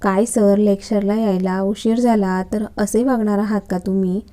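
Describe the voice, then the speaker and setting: A woman's voice: mid-range voice, steady tone, moderate pace, dark tone, natural voice. A woman reading as a cheeky young student. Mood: teasing. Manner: teasing, talking back.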